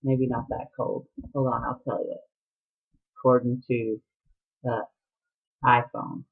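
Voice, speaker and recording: A woman's voice: a bass voice, little pitch movement, slow pace, husky. A woman from Georgia with a Southern accent, hosting a casual podcast from home, chatty and rambling and laughing often. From Atlanta, Georgia. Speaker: podcast host. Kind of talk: casual video podcast chat. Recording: tinny, phone-like sound.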